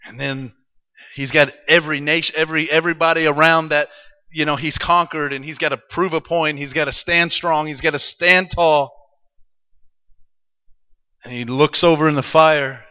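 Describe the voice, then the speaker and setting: A male preacher telling a Bible story to a congregation, building from calm narration to excited shouts. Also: a little high, normal speed, clear, resonant tone, muffled recording. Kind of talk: sermon. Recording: long hall reverb.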